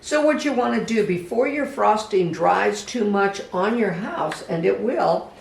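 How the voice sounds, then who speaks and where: A craft instructor giving a casual step-by-step demonstration, talking gently and unhurriedly, even chatting to the project. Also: medium pitch, measured pace, creaky. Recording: echoey room, voice from a distance, faint background hum.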